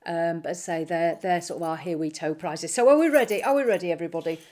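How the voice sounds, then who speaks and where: A woman's voice: lowish voice, fairly even intonation, fast talker, a little mellow. A woman co-hosting a live stream in casual chat, speaking straight to viewers and encouraging them. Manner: encouraging, addresses viewers directly.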